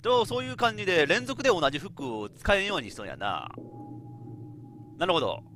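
A man's voice: high voice, brisk, slight background noise. A man with a giving chatty, laughing let's-play commentary as a game streamer. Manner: animated, chatty, laughs often, talks to himself.

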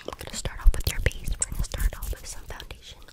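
A young woman whispers an ASMR makeup-artist role-play right up at a desktop microphone. Her voice is soft and breathy, with no full voicing, and tingly mouth sounds come between and around her words. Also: fast. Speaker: ASMR creator. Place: small bedroom, indoors. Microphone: desktop condenser microphone, close up.

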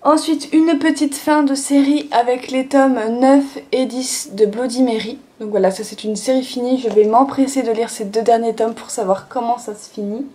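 A young woman shows off a manga haul in a sunny home room, talking casually with lots of small fillers and "donc voilà." Her voice is fairly high, steady and mellow, at a moderate pace with few pauses.

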